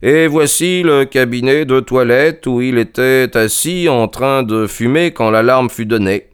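A man's voice: medium pitch, unhurried, clear, resonant tone, voice pushed up, lightly acted. A man doing a cool, clipped detective in a read-aloud mystery, commanding and precise. His voice is raised a little above his own and set slightly back from the microphone. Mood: polite insistence. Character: sharp, commanding male detective, middle-aged.

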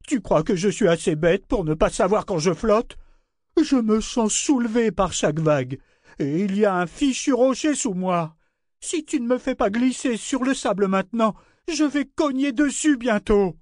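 A man voicing an impatient, hot-tempered male living ship who shouts and blusters. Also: high voice, animated, unhurried, no echo, studio quality, voice pushed up. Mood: furious. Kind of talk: audiobook character reading.

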